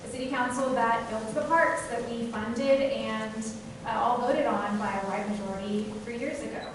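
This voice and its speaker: A woman's voice: fairly high pitch, moderate pace. A woman from Tennessee running for city council, giving a fluent campaign speech with occasional fillers. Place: meeting room. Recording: echoey room from far off, noisy.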